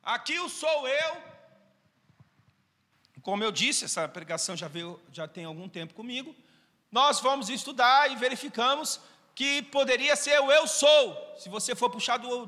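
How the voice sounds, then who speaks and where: A man's voice: extremely high pitch, pushed and bright. A male pastor preaching a sermon, calling out questions to the congregation and to viewers at home. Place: church hall. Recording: church hall reverb.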